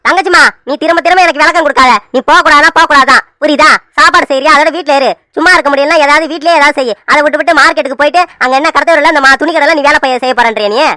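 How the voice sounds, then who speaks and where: A stern eldest brother in a cartoon, played by a woman, fires off scolding lines at a rapid pace. His voice is high and bright, and the sound is close and dry. He is bossy and protective, and he lays down the rules for the family. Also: no echo. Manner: scolding, bossy, repeats himself. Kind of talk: Tamil cartoon serial voice acting.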